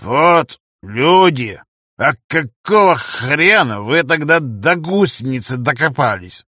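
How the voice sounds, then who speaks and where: A man voicing an old, drunk male professor cat who shouts in a delirium. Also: a little high, expressive, takes it slowly, dry recording, studio quality, exaggerated voice. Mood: delirious. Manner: slurred, shouting nonsense.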